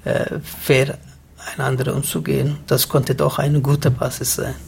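Gravelly Somali-accented man, halting. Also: mid-range voice, level tone, a little mellow, a little hiss or hum. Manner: halting non-native German, many fillers. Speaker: interview guest. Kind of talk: radio interview answers.

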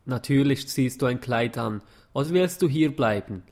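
A man's voice: medium pitch, animated, moderate pace, darkish tone. A man reading a story, voicing a strict middle-aged mother who scolds and fusses over her daughter. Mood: stern. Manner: scolding, bossy.

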